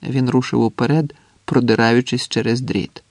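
A man narrating an audiobook in a calm, steady reading voice. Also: mid-range voice, moderate pace, vocal fry, no echo, studio quality. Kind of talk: scripted narration.

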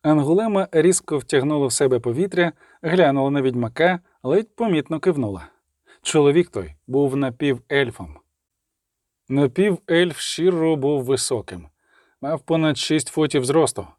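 A man giving a measured, vivid audiobook narration, recorded close on a studio mic. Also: a little high, lively intonation, darkish tone, no echo. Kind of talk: scripted narration.

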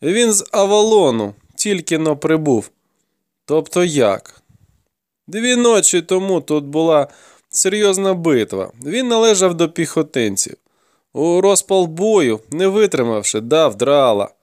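A man voicing a hardened, grim male warrior who questions a captive in a gruff, mocking way. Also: a little high, sing-song, measured pace, a little mellow, no echo, studio quality, pitched above the performer's own voice.

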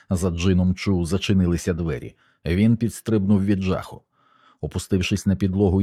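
A man reading a first-person action story aloud in steady, tense scripted narration. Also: low voice, breathy edge, dry recording, studio quality. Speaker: audiobook narrator.

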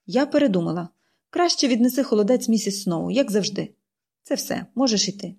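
A woman's voice: medium pitch, lively intonation, fairly quick, mellow. A woman reading an audiobook, voicing a cold, stern middle-aged aunt who speaks curtly. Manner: cold, curt. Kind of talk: audiobook character voice.

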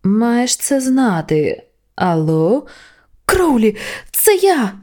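A woman's voice: a little high, big pitch swings, very slow, a little mellow, voice pushed up, exaggerated voice. A woman reading a storybook voices a fussy, anxious male angel who hesitates and then panics. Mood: panicked. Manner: flustered, hesitant, rising into panic.

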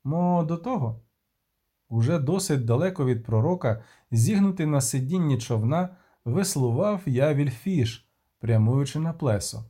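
Man reading an audiobook, mellow tone. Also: medium pitch, lively intonation, normal speed, breathy edge. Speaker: narrator. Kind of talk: audiobook narration.

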